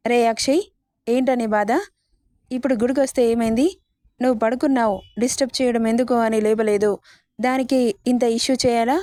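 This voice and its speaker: A woman's voice: fairly high pitch, fairly even intonation, normal speed, mellow, no room sound, clean studio sound, natural voice. Woman voicing a firm, motherly middle-aged aunt. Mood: scolding.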